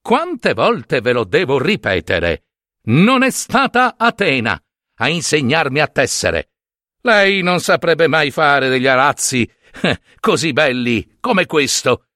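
A vain young weaver woman, haughty and scornful, in a storybook tale, as a male narrator puts her on. Her voice rises above his usual pitch and drags out her sarcastic words. The sound is close and dry. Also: very animated, takes it slowly, pushed and bright, no room sound, full character voice. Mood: angry.

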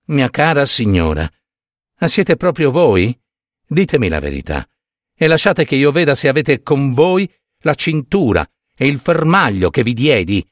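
A man's voice: mid-range voice, sing-song, unhurried, no echo, studio quality. A man voicing an earnest young knight who speaks with fervent courtly devotion. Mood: joyful. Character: noble young male knight, lovestruck and earnest.

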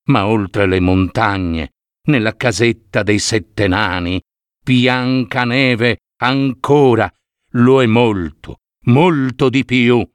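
A man voicing a magic mirror in a storybook reading, speaking slowly and gravely. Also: medium pitch, no room sound, natural voice. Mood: solemn. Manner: slow, grave pronouncements. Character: solemn magic mirror, deep and oracular.

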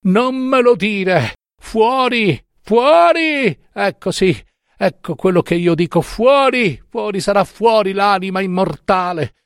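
A man voicing a drunk, weeping older male professor who pleads in a high, strained voice. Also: lively intonation, unhurried, no room sound, clean studio sound, lightly acted. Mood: desperate pleading. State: drunk, crying.

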